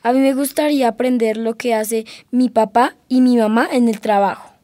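A woman's voice: on the high side, fairly even intonation, normal speed, mellow, no room sound, natural voice. Woman playing an eager boy. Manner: eager, inquisitive. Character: curious young boy, eager and cheerful. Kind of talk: educational radio drama.

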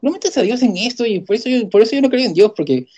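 A man's voice: extremely high pitch, lively intonation, fast, warm tone, slightly rough, muffled recording, voice pushed up, full character voice. A man putting on his scoffing blunt sister. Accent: Peruvian Spanish. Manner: mocking, dismissive.

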